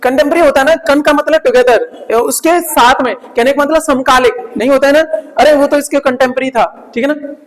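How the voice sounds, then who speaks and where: This classroom lesson features a high-voiced man going over vocabulary fairly quickly, saying each word again and again and asking "right?" after almost every phrase. His intonation stays fairly even. A long reverb fills the recording, bouncing around the projector-equipped room.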